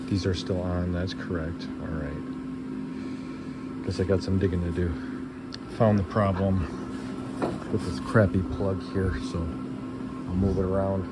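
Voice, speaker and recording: In a large garage workshop, a vlogger restoring an old truck narrates his repair casually, thinking aloud as he works, recorded on a handheld or body camera. He has a low voice and sounds relaxed. Background noise is heavy.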